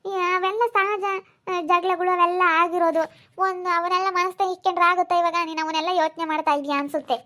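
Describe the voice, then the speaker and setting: A woman's voice: extremely high pitch, steady tone, fast talker, bright, forceful tone, pitched above the performer's own voice. A woman voicing a bossy but caring older female relative who keeps repeating firm orders, with a rural Chitradurga Kannada accent. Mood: soothing. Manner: firm, insistent, repeats commands.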